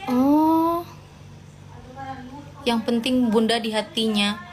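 Crowd noise can be heard behind this woman, whose voice is on the high side at a normal pace. Hosting an informal live stream, she voices viewer comments and answers them with a gently scolding, maternal warmth.

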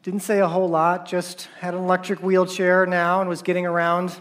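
A man who is a surgeon tells a conference audience a personal story in a high-pitched monotone. His speech halts and loops back on words, softening wherever the memory hurts.

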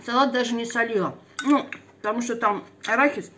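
A fairly high-voiced woman chats to her viewers with her mouth full, chewing while she talks. Her words come out around the food. There is a faint hiss behind her, with soft clinks of cutlery and dishes. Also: fairly quick. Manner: chatty, talks to viewers between bites. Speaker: mukbang vlogger. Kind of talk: casual eating vlog. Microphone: phone.

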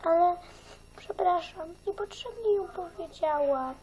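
A woman's voice: very high-pitched, unhurried, warm tone. A woman voicing a tearful schoolgirl who whines and pleads in a toy role-play. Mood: pleading. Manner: whiny and pleading. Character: tearful, pleading girl pupil Tina.

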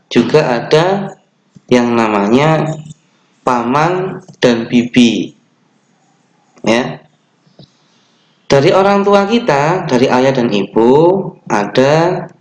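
Young indonesian guy teaching kids online, real slow and patient, echoey little room. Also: medium pitch. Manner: slow, patient explaining with fillers and self-corrections; chants the opening prayer. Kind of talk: online classroom lesson.

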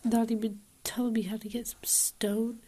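Husky and dark-toned, this woman's voice sits on the high side with little pitch movement and a moderate pace. She commentates on her survival game while playing, puzzled and grumbling to herself about how things work.

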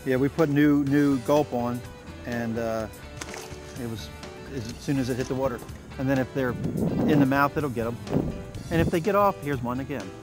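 A man's voice: medium pitch, moderate pace, pauses often, loud music behind the voice. A man hosting a fishing video from a small boat outdoors, coaching his buddy in an easygoing, casual way. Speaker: fishing channel host. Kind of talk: casual chat while fishing. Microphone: head-mounted action camera.

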